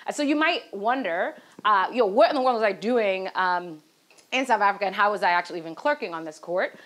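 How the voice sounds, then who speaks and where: A woman law professor on a panel addresses an audience in a lecture hall, her speech full of fillers and "right?" tags. Her medium-pitched voice is lively, a bit bright and a little fast, and a far camera picks it up.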